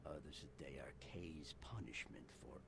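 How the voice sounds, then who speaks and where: Wary bartender, game character, low male voice, gravelly, gruff, world-weary. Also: normal speed, background noise. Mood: grim, cynical. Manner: gruff, guarded. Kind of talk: video game voice acting.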